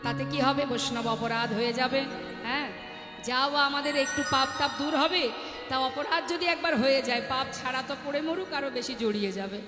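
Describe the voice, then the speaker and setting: A woman's voice: sits high, brisk. A woman kirtan singer preaching and chanting to a crowd, calling the listeners mother and father as she urges them on. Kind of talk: devotional sermon with chanting. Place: large hall at a devotional gathering. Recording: echoey hall with music behind.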